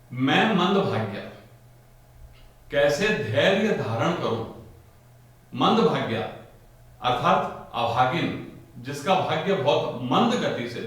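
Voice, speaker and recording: A man with a slightly high voice explains a Sanskrit text to a class. He moves slowly through each line, with a very lively, rising and falling pitch. The sound is roomy and heavily echoed, as if the mic were some way off. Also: far from the mic. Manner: reads each Sanskrit line, then slowly repeats it in Hindi. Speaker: Sanskrit teacher.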